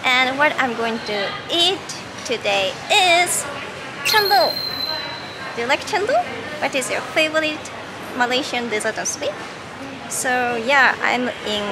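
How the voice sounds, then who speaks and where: A bright, high-voiced woman with a Japanese accent chats upbeat to her viewers, her words a little muffled through a face mask. Loud food-court bustle and traffic noise sit right under her voice. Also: sing-song, a little slow. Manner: chatty, upbeat, asks viewers questions. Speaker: vlogger. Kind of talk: casual vlog chat. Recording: loud ambient noise behind.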